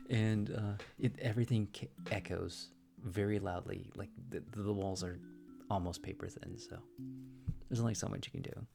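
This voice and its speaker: Animated yet measured in pace, a man with a fairly low-pitched voice rambles through a casual livestream, full of fillers and restarts. He's in a shared-house room with thin walls that echo, and clear music runs underneath.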